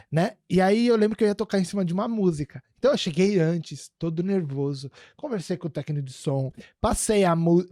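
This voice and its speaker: Rambling man hosting a casual podcast, mellow and slightly high voice. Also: no echo, studio quality. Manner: rambling storytelling with many fillers and restarts. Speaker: podcast host.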